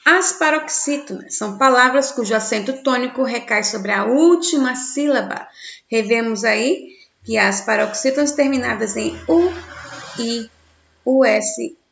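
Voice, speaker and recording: A woman teacher giving a recorded grammar lesson for children in Brazilian Portuguese, sounding out stressed syllables slowly and answering her own questions. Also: a little high, creaky, fairly bright tone. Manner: slow, stressed syllables when sounding out words; asks the class questions and answers them herself. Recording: dull, echoey room.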